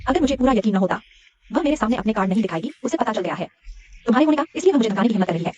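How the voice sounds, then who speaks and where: A woman's voice: a little high, animated, very fast, mellow, muffled recording, close to an everyday voice. A woman dubbing a scheming, unfaithful wife in a drama, with a pleading, intense delivery. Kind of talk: Hindi dub of a short drama.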